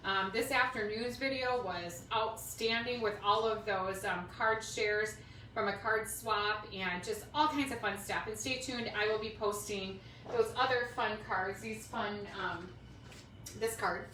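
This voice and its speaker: Speaking a little slowly in a mid-range, bright voice with a forceful tone, a middle-aged woman with a Minnesota accent hosts a craft livestream and chats casually, rambling as she works. She's from Minnesota, United States, recorded indoors at home in a roomy space with a distant mic and faint noise.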